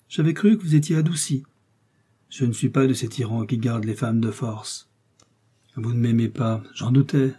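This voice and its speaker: A man's voice: medium pitch, warm tone, slightly rough, natural voice. A man reading an audiobook, voicing a smug aristocratic persecutor who talks in a mocking, condescending way.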